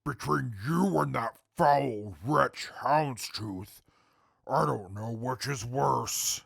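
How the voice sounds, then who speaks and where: Man acting a pompous, very slow-drawling prisoner. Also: mid-range voice, vocal fry, fairly bright tone, no echo, studio quality, full character voice. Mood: smug, mocking. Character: haughty, mocking male prisoner, disdainful and articulate. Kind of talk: audio drama acting.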